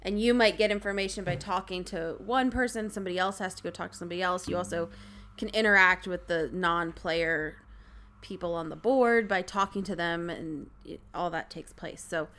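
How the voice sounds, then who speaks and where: A woman co-hosting a casual board game chat, animated, acting out game moments in quick asides. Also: on the low side.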